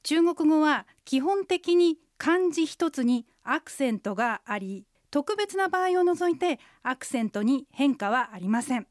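A woman co-hosting a radio language lesson, slowly and carefully explaining how sounds are pronounced. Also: high-pitched, expressive, dry recording, studio quality. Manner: slow, careful explanations of pronunciation. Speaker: Chinese language instructor and co-host. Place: radio studio.

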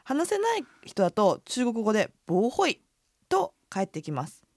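A woman co-hosts a radio language lesson, modeling tones with a lively, swooping pitch. She walks through the pronunciation one sound at a time. The recording is dry and close. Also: moderate pace, no room sound. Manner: lively, demonstrative tone drills.

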